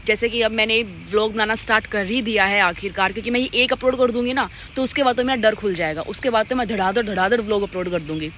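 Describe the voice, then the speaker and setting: A young woman chatting to her vlog audience in a bright, forceful voice, rattling along and calling everyone "guys". Faint noise sits behind her. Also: mid-range voice. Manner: chatty, addresses viewers as "guys" constantly; fast-talking. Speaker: vlogger. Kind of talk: casual vlog chat to camera. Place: at home and outside in the street.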